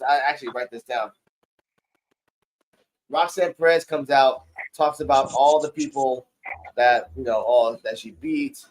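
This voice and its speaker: A man's voice: mid-range voice, slight background noise, poor audio. A man in his forties casually recapping a wrestling show, loose and profane, rambling through the matches. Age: 40s. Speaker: podcast co-host. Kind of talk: casual wrestling review chat.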